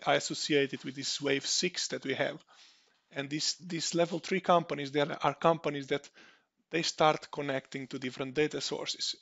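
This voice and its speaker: Portuguese-accented man with a gravelly voice. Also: a little high, a bit bright, highs cut off. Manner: hesitant, many restarts and fillers. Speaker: conference speaker. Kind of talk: online conference presentation.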